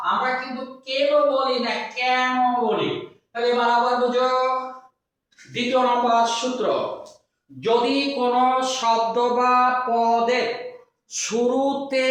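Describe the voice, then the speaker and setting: A man teaching a lesson at a whiteboard in a classroom, repeating each sound and rule slowly. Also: very high voice, a bit bright. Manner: slow, drawn-out repetition of sounds and rules. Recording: very echoey room, voice far from mic.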